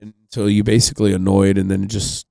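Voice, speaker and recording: A man's voice: sits low, little pitch movement, quick pace, gravelly, warm tone, no echo, studio quality. A man telling a rambling, profane story on a casual podcast, full of fillers. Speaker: podcast host.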